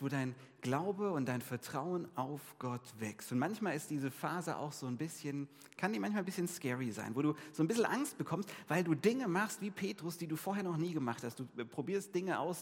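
A man preaching a sermon in a casual, conversational way, with lively asides and quick shifts between emphatic and soft delivery. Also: on the high side, slightly rough, in a large hall. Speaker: pastor.

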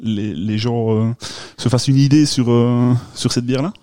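A man's voice: mid-range voice, steady tone, normal speed, warm tone, no room sound, studio quality. A man hosting a casual beer podcast, talking hesitantly with many fillers and restarts and laughing at himself. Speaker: podcast host.

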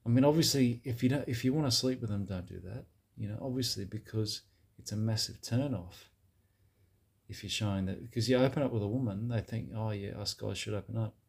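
A man playing a blokey Australian bro who gives dubious advice in a satirical monologue, with a husky, laddish way of talking. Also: on the low side, a little fast, darkish tone. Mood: matter-of-fact. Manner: laddish, drops "mate" and "bloody" constantly.

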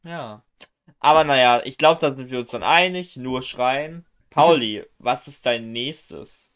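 A young man chatting loosely and excitably with a friend, dropping slang. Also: medium pitch, a little slow, smooth. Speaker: co-host. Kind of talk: casual chat.

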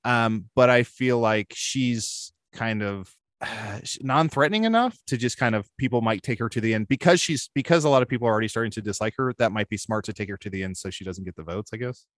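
A man's voice: fairly low pitch, a little fast, a bit bright, dry recording, studio quality. A man in casual podcast chat who rambles and hedges, thinking aloud as he talks.

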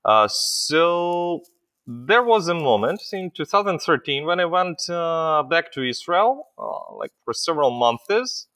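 A man's voice: fairly high pitch, very animated, measured pace, sharp tone, dry recording. A middle-aged man born in Ukraine, a company CEO telling his story as an interview guest, with many hesitant fillers.

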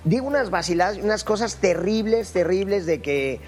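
A man's voice: high-pitched, animated, moderate pace, a little mellow, a little hiss or hum. A man with a Mexican accent, a talk show guest, telling playful self-mocking stories and often trailing off into fillers. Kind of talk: casual chat.

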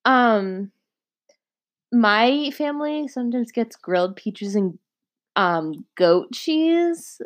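A woman's voice: on the high side, animated, slow. A young woman co-hosting a casual podcast chat, leading the topic list, with a lot of hesitant "um" and "like" fillers. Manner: hesitant, lots of "um" and "like".

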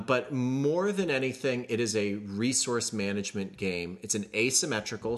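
Man, low pitch, casual podcast co-host, enthusiastic explainer. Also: fairly bright tone. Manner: enthusiastic, explains rules at length. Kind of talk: casual board game podcast chat.

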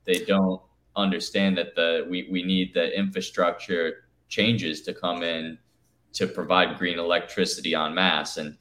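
A man's voice: sits low, little pitch movement, measured pace, fairly bright tone. A man co-hosting a casual chat, talking in a loose, rambling way full of "you know". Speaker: podcast co-host. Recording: echoey room.

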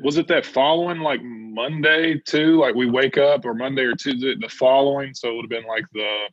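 A man's voice: medium pitch, a little fast, no room sound, muffled recording. A man in a casual podcast chat, rambling hesitantly with many fillers and restarts.

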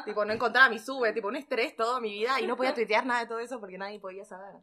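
A woman's voice: fairly high pitch, fairly even intonation, rapid-fire, a loud crowd. A young Argentine woman, a guest in a casual chat, telling stories in a rambling way full of fillers. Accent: Argentine Spanish. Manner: rambling storyteller with many fillers.

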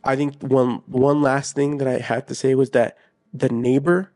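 A man's voice: mid-range voice, flat delivery, normal speed, a little mellow. A man co-hosting a casual movie podcast. He talks in an earnest, rambling way with plenty of "like" and "you know". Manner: earnest, rambling, lots of fillers. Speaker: podcast co-host. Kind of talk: casual chat.

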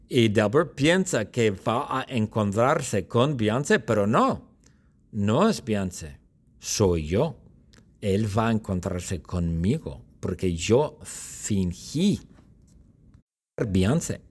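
A man speaking as a scheming pop singer, telling his side slowly and simply. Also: lowish voice, a little mellow, slightly rough, full character voice. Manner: slow, simple storytelling in first person.

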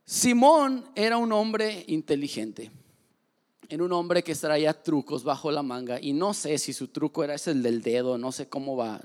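A man in his thirties with a Mexican accent, preaching a sermon in a joking, lively way and acting out little voices. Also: a little high. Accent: Mexican Spanish. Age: 30s. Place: large church hall. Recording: church hall reverb.

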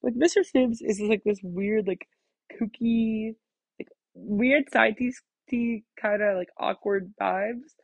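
A teenage girl with a nasal voice, rambling fast through a casual solo vlog, full of "like". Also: mid-range voice, vocal fry, breathy edge, no echo. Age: teens. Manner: fast-talking, scattered, full of "like". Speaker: student vlogger.

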